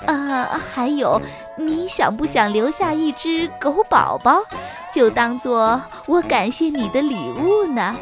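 A woman voicing a kind, grateful neighbor lady in a children's storybook reading, with a warm, drawn-out, gushing manner. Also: sits high, animated, over music.

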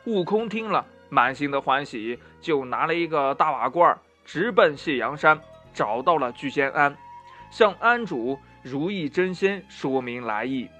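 A man narrating a children's story in a gentle, unhurried way, stretching out the little particles at the ends of phrases. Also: a little high, lively intonation, faint music behind.

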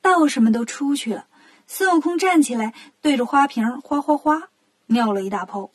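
A woman narrating a children's story in a lively, animated way. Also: high voice, moderate pace.

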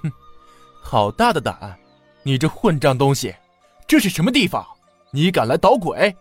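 Angry young master, a man raising his voice, quick and scolding. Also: on the high side, big pitch swings, dry recording, soft background music, voice pushed up. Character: hot-tempered young master of a household.

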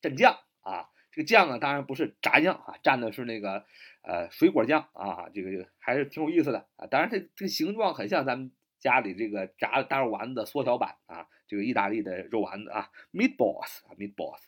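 A man teaching spoken English phrases, explaining them in a chatty way and repeating each phrase slowly. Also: mid-range voice. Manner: lively, chatty, asks "是吧" often. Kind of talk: spoken English lesson in Mandarin.

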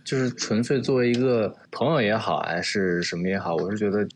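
A man speaking in a reflective, measured way during a conversation. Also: lowish voice, fairly even intonation, background noise.

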